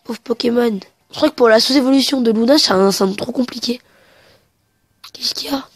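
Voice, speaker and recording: A let's-play gamer with a higher-pitched voice chats briskly through a game, hesitating and stumbling over words while reading the characters' lines aloud. She sounds sniffly from a cold, and her headset mic gives a dry, close sound with no room around it.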